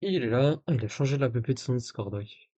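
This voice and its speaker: A man's voice: medium pitch, animated, fairly quick, mellow, husky, muffled recording. Casual man streaming, sarcastic and rambling. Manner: casual, rambling with many fillers and self-corrections. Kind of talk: live stream commentary reading messages.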